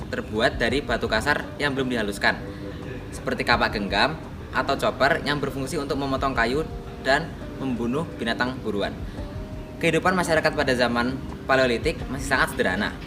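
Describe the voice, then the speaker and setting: Guy reading his history part quick, sounds far off, music clearly behind. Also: medium pitch. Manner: measured, read-aloud. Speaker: student presenter. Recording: distant mic with music. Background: clear background music.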